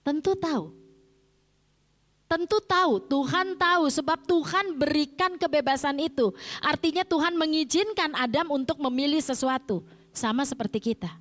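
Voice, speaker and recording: A woman's voice: sits high, normal speed, fairly bright tone. A middle-aged woman from Jakarta preaching a sermon in a chatty way, posing rhetorical questions and answering them herself. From Indonesia, grew up in Jakarta. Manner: conversational, asks and answers her own rhetorical questions. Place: church sanctuary. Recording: long church-hall reverb.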